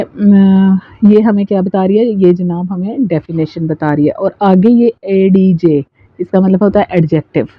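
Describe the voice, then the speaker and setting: An English teacher, explaining a textbook lesson. The teacher reads English lines aloud, then explains each one slowly. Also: mid-range voice, dry recording. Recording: tinny phone-like, dry sound.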